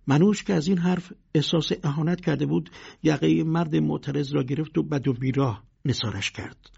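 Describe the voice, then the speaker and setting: A man narrating a storybook with a lively, dramatic reading. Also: a little high, vocal fry, breathy edge. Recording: dull lo-fi recording.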